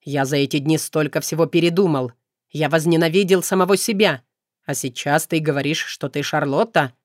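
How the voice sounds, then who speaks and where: A woman reading an audiobook voices a stern, brooding young nobleman in a lowered, clipped voice. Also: normal speed, no room sound, clean studio sound, natural voice. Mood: agitated.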